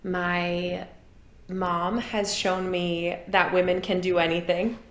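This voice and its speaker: A woman's voice: lowish voice, level tone, slow, reverberant. A woman from Maine, a relationship and business coach, talking earnestly and reflectively as an interview guest. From Maine, USA. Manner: earnest, reflective, rises when enthusiastic. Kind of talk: casual interview talk.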